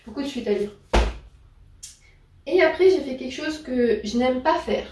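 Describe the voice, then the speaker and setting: A book YouTuber talks loosely through her latest book purchases, often using fillers and correcting herself along the way. She has a high, slightly mellow voice, and the recording sounds roomy, as though the mic were far off.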